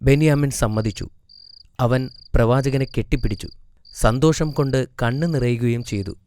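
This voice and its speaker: A man narrating a scripted children's story in a steady storytelling manner. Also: medium pitch, moderate pace, a little hiss or hum.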